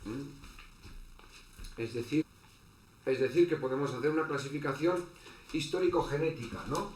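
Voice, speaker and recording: A man giving an online lecture as a teacher, halting, with many fillers and restarts. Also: on the high side, a little mellow. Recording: echoey room with faint background noise.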